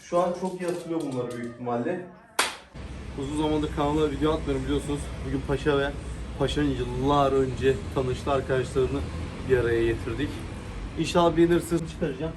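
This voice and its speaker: A man's voice: mid-range voice, brisk, far from the mic. A man vlogging at home with his dogs, coaxing them with affectionate commands while chatting to viewers. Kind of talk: casual vlog talk to dogs and viewers. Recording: echoey, off-mic, noisy background.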